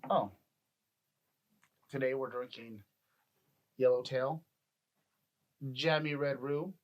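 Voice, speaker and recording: A man's voice: medium pitch, takes it slowly, muffled recording. A man in his thirties co-hosting a casual podcast, rambling and laughing often. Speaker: podcast co-host. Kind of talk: casual chat.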